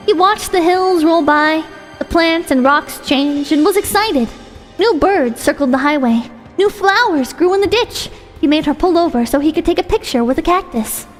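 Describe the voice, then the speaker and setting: A woman reading a short story aloud as its narrator. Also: very high voice. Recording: long hall reverb with music.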